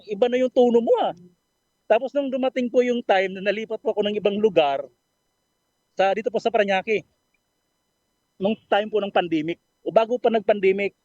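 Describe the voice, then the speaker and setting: A caller on a radio program earnestly and politely shares his testimony of faith, stumbling through many fillers and self-corrections. His voice sits high for a man yet has a darkish tone, and the recording is dry, dull, and muffled with no room sound.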